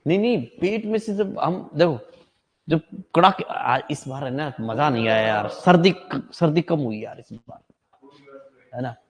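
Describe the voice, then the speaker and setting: A man's voice: a little high, lively intonation, measured pace. A man teaching a class, chatty and teasing, quizzing his students on how letters are said. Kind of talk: joking classroom lecture. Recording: long hall reverb.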